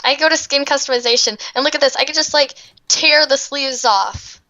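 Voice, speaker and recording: A woman with a bright, somewhat high voice plays a game with a friend. She giggles a lot and teases in a playful, casual way. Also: a little fast, muffled recording. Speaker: guest player. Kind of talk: casual gaming chat.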